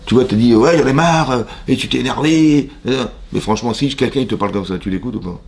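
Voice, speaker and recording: In a synagogue classroom, a male rabbi with a medium-pitched, gravelly voice talks fast through a lively mixed Torah class for his congregation, acting out both parts of imagined exchanges, asking rhetorical questions, and mixing Hebrew religious words into casual French.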